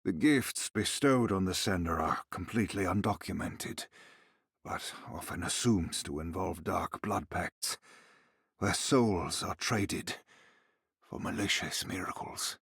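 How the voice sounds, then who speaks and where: A grave, husky lore narrator. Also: male voice, low voice, no room sound, studio quality, exaggerated voice. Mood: ominous. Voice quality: husky, hushed, falling to a whisper. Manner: solemn, ominous, deliberate. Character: grave male narrator reading ancient lore. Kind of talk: scripted narration of game lore.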